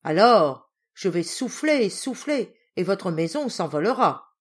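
A woman voicing a greedy, menacing male wolf in a storybook reading, speaking slowly and loudly. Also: fairly high pitch, big pitch swings, pitched above the performer's own voice.

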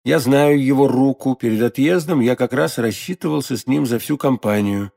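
Man playing a grave, low-voiced musketeer. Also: vocal fry. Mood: stern. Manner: low, measured, hushed. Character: grave noble male musketeer, calm, reserved.

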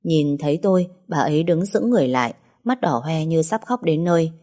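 A woman narrating a first-person story in a calm, reflective way. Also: low-pitched, fairly quick.

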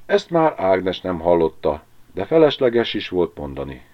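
A man narrates an audiobook in a very low voice, telling the story in an expressive, measured way. His intonation rises and falls in lively swings. The recording sounds slightly dull and muffled. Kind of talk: audiobook reading.

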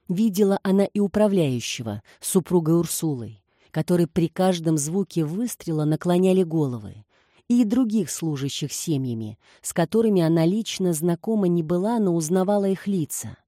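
A woman narrating a novel aloud in a steady, measured reading. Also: lowish voice, no room sound, studio quality. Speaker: audiobook narrator. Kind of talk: scripted narration.

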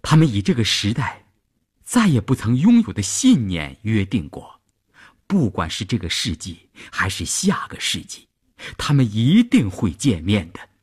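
A man narrating a radio serial in a measured, expressive storytelling manner. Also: on the low side, husky.

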